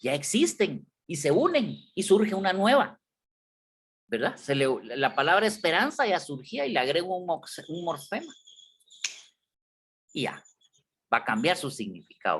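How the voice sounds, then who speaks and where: A man's voice: fairly high pitch, sing-song, normal speed, a bit bright, slightly rough. A man giving a classroom lecture, explaining with examples and often checking in with his students. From Guatemala. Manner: explains with examples, checks in with repeated tag questions. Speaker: university lecturer.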